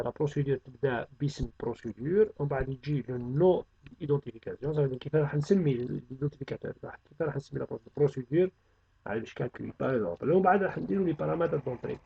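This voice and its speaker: A man's voice: on the high side, creaky, breathy edge, dull audio. A man teaching a programming review lesson, mixing French terms into his speech.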